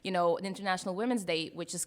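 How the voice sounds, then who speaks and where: A woman's voice: medium pitch, racing. A young woman from Russia and Israel, a podcast host talking in a casual conversation, hesitant with many fillers and restarts. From born in Russia, raised in Israel.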